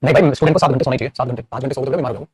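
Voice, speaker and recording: A man teaching an English grammar class, animated and addressing his students fondly. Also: medium pitch, rapid-fire, slightly rough, no echo. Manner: animated, addresses students as beta and bhai, playful acted asides. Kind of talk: classroom lecture.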